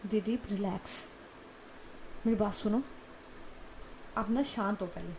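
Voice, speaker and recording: A woman's voice: mid-range voice, slow pace, dark tone, slight background noise, close to an everyday voice. A woman voicing a young man who reassures and scolds an anxious elder sister. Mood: reassuring.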